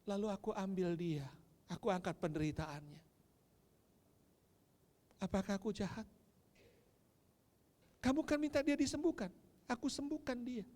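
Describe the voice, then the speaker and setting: A man's voice: high-pitched, normal speed, long pauses, a little mellow, voice pushed up, natural voice. A male pastor voicing God speaking patiently and questioningly to a grieving father. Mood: gently probing. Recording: long reverb of a church hall.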